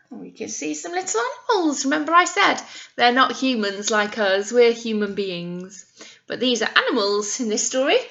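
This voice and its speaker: Reading a picture book to little ones, this British teacher has a slightly high, creaky and somewhat bright voice. She leans into sing-song emphasis and keeps asking the children encouraging questions. The audio is lo-fi.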